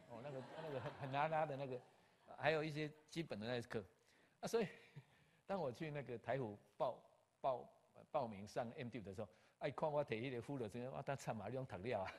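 Older pastor guy, animated storytelling, acts out the dialogue, long echoey reverb. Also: mid-range voice, a little hiss or hum. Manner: animated, acts out dialogue, scattered English terms. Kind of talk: personal storytelling.

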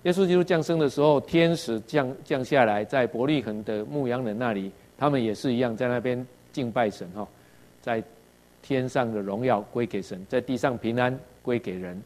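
Male preacher, Taiwanese Mandarin accent, teaching sermon style, rhetorical questions, animated quoted dialogue. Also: medium pitch, moderate pace. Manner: tags sentences with "ha" and asks the audience questions; acts out quoted dialogue in varied voices.

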